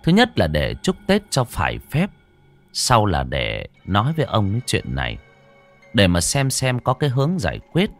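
A man narrating a ghost story with dramatic, animated delivery, rising and falling to build suspense. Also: lowish voice, normal speed, soft background music.

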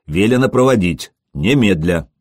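A man voicing an outraged young retainer who shouts and complains. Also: lowish voice, animated, moderate pace, no echo, clean studio sound. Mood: indignant. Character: indignant young male retainer of a governor.

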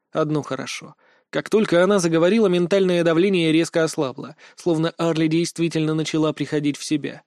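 Expressive male audiobook narrator, dry sound. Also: on the high side, no room sound. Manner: expressive, dramatic storytelling. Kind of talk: scripted first-person audiobook narration.

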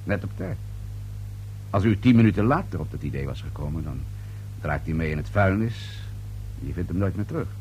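In an old radio play recording with a faint hum and poor audio, an actor plays a shrewd, sardonic male police inspector. His low, darkish voice swings widely in pitch as he probes in short, dry, clipped phrases, fairly quickly and with frequent pauses, pointedly repeating the answers he gets.

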